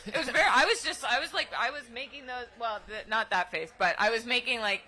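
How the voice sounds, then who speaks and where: A young adult woman co-hosting a casual chat, telling stories in a bubbly, excitable way. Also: fairly high pitch, fairly quick. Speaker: co-host.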